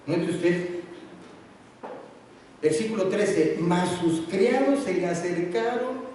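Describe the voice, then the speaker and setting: A man preaching with a fairly high voice, recorded from a distance in a long, echoing church hall. He tells the story with humor and plays the characters' voices himself. A faint hum of room noise sits underneath. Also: animated, slow, darkish tone. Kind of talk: sermon.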